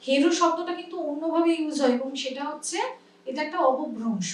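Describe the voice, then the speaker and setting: A woman's voice: high-pitched, brisk. A woman with a Bengali accent teaching pronunciation in a workshop. She explains patiently and often checks that her students understand. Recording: echoey room, mic at a distance.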